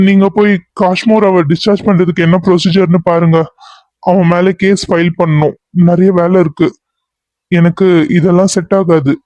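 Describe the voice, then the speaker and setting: A man's voice: high voice, mellow, dry recording, close to an everyday voice. A man voicing a weary young man who feels misunderstood and talks in a brooding, resigned way, in a cartoon serial. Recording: dull lo-fi recording.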